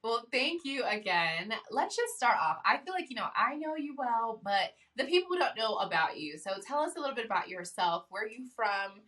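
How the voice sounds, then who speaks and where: A woman's voice: on the high side, big pitch swings, normal speed, few pauses, a bit bright. Woman podcast host, friendly, curious questions, slightly distant mic. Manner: friendly, asks layered questions. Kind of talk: conversational interview.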